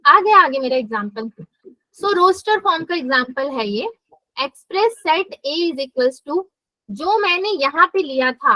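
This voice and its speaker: A young woman teaches a live math lesson in a high, bright-pitched voice. The sound is close and dry. She slips English terms into her explanations and keeps asking the students questions. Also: no echo, rough recording. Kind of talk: live online class lecture.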